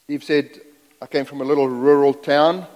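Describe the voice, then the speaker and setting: A middle-aged guest preacher, a man from Zambia by way of South Africa, speaking in a fairly high voice. He is folksy and self-deprecating and wanders into asides. His voice rings through a church sanctuary with a long reverb. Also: steady tone, moderate pace, a little mellow. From Zambia, raised in South Africa. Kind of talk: sermon.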